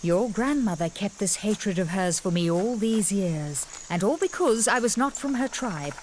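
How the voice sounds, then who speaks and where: A woman's voice: mid-range voice, expressive, measured pace, a little mellow, a little hiss or hum, lightly acted. A woman voicing a worried royal mother. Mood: pleading. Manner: pleading, earnest. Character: anxious royal mother pleading with her son. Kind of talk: English dub of a historical drama.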